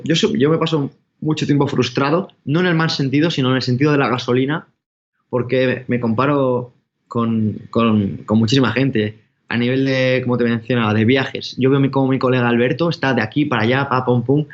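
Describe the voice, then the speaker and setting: Man, casual interview guest, restless self-correcting talk, mid-pitched, mildly muffled audio. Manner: rambling, self-correcting, animated storytelling.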